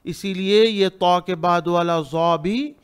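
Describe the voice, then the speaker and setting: Male Quran teacher, high clear voice, slow and patient, drills each word. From India. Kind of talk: Quran pronunciation lesson.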